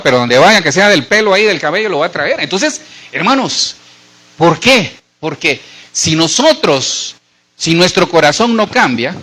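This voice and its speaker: A middle-aged Colombian pastor preaches in a lively, rising and falling voice that swings between high and low. His tone is bright and ringing, a little high for a man. He talks to the congregation directly, as if chatting with them. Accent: Colombian Spanish. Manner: conversational preaching, addresses listeners directly. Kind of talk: sermon.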